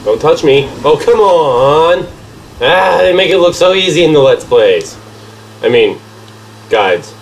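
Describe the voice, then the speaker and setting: A man's voice: on the high side, lively intonation, a little slow, creaky, slight background noise, poor audio. A man with a stuffy, nasal voice from a cold, giving laid-back let's play commentary and swearing at the game. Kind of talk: casual gameplay commentary.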